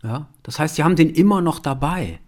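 A man's voice: a little high, animated, brisk. A man giving a conversational self-help talk straight to the listener, asking rhetorical questions and tagging his sentences with a questioning "ja?".

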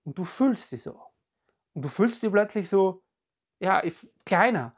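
A podcast coach giving a calm, reflective self-help talk straight to the listener, often searching for words and repeating phrases. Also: medium pitch, a little slow, husky. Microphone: podcast and video recording.

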